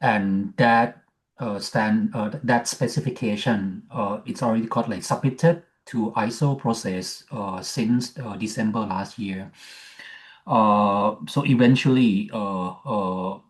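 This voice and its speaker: A man speaking up in an online work meeting, explaining a point hesitantly with many pauses, over a video call microphone. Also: lowish voice. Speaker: meeting participant.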